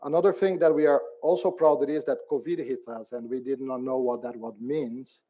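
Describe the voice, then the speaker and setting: Hesitant Brazilian-born man with a mellow voice. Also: mid-range voice, steady tone, a little fast. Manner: hesitant, repeats words, laughs easily. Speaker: department head on a panel. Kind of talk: conference panel talk.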